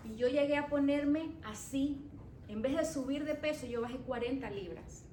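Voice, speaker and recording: A woman's voice: high-pitched, normal speed, a little mellow. A woman pastor in her thirties preaching a sermon with emphatic delivery, addressing the congregation as brother. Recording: echoey church from far off, faint noise.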